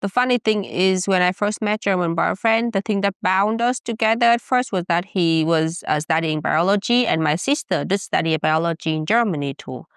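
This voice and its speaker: A young Vietnamese woman with a Vietnamese accent hosts a podcast, asking questions in a playful, teasing, casual chat. Her voice is lowish and clean, her pace moderate with few pauses, and the studio sound is clean with no echo.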